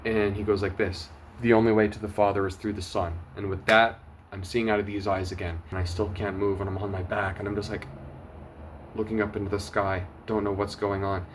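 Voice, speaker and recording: A man sharing a personal testimony, earnest and emotional, going from urgent bursts to hushed quiet. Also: fairly low pitch, flat delivery, brisk, slight background noise. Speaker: testimony vlogger.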